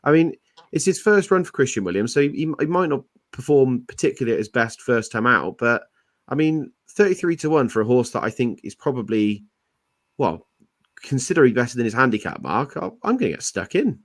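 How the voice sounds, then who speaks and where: A man's voice: mid-range voice, sing-song, a little fast, dry recording, studio quality. A man going through a horse's form in detail on a casual racing tips chat. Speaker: racing tipster panelist.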